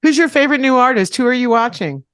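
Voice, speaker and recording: A woman hosting a radio interview, bubbly and encouraging, filling in with quick affirmations. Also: sits high, animated, smooth, dry recording, clean studio sound. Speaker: radio host.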